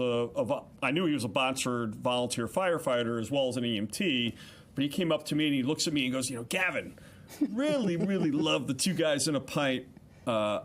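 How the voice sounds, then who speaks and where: Rambling middle-aged man telling a story. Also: mid-range voice. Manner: rambling storyteller with fillers and restarts. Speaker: podcast co-host and guest. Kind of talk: casual interview chat.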